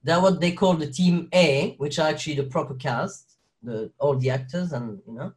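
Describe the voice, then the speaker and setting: A young Belgian man with a French accent and a slightly high voice chats as a guest actor in a casual interview. He speaks at normal speed, rambling, restarting his sentences and laughing often.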